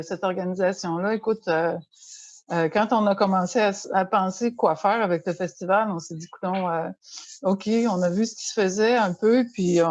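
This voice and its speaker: A woman with a Quebec French accent chatting casually and haltingly as a festival organizer, on lo-fi audio. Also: medium pitch, darkish tone, no echo. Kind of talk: casual unscripted chat.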